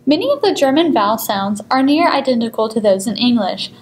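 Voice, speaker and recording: Woman reading a language lesson, clear and measured, a bit high voiced. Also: animated. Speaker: language instructor. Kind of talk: scripted pronunciation lesson.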